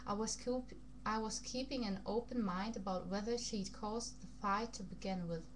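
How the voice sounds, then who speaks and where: A woman's voice: medium pitch, moderate pace. Casting: woman, amateur audiobook-style reader, put-on foreign accent, occasional stumbles, slight hum and noise on the recording. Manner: stumbles over words and rereads phrases. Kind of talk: amateur reading aloud of a vampire novel. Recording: noisy recording with background hum.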